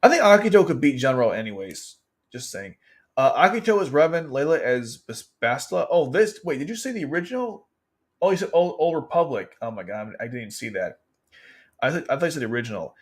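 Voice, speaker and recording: A man commentating casually on a livestream, reading an article aloud and reacting to it with excited, exasperated outbursts. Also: medium pitch, a little fast, slightly rough.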